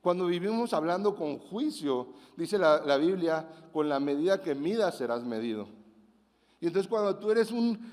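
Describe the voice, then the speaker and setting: A man preaches a sermon in a high, light voice. He talks conversationally and acts out the quotes with animation. The sound rings with the long reverb of a large hall. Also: darkish tone. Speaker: pastor.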